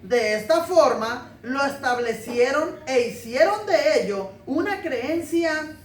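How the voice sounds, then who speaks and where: A man's voice: sits high, fairly bright tone. Brief: male pastor, chatty joking sermon full of questions, recorded far off in an echoey church with faint noise. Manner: joking, conversational preaching with rhetorical questions. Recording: roomy, distant mic, faint noise.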